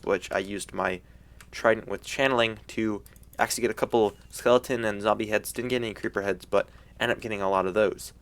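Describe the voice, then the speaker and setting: A young man giving casual gameplay commentary in an excitable frat-bro way, full of slang like dude and bro. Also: on the low side. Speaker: gaming video host.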